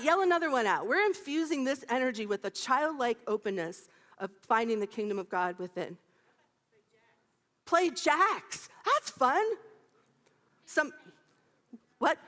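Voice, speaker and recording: A woman minister in her fifties preaches with a high, lively voice that swoops up and down. She is playful and quick to laugh, throwing questions out to the congregation. Her words ring out with a long reverb through a large sanctuary. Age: 50s. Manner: animated and playful, laughing often, calling out to the congregation. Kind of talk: sermon. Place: church sanctuary.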